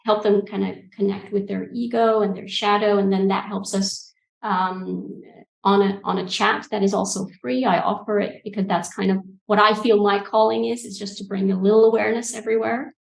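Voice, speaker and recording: A woman in her forties, from Egypt and the UK, giving reflective interview answers over a video call, calm and pausing with frequent ums. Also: mid-range voice, creaky. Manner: thoughtful, calm, hesitant with ums. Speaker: guest coach. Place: room with bookshelves. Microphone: earbud mic on video call. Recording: roomy video call audio.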